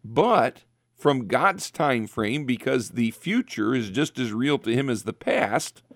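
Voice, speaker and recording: A man's voice: medium pitch, very animated, slow pace, a bit bright, no echo, studio quality. A man earnestly explaining theology on a talk show, repeating phrases for emphasis. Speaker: guest Bible teacher.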